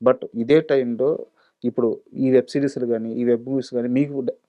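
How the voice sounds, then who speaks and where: A man's voice: mid-range voice, little pitch movement, a little fast, no room sound, dull audio. A man hosting an interview, asking probing and challenging follow-up questions. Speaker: interview host.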